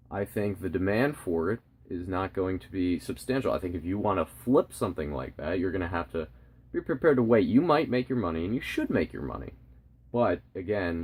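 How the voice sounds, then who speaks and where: The host of a collecting channel, a man with a fairly low voice, shares his opinions casually and directly with the viewer. He stresses key words and repeats phrases to drive his points home.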